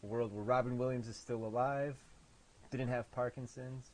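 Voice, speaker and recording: A man's voice: medium pitch, steady tone, normal speed, poor audio. A man from the American Midwest with a nasal voice, giving sarcastic, profane, self-deprecating commentary on a game he made. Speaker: game developer. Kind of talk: gameplay commentary.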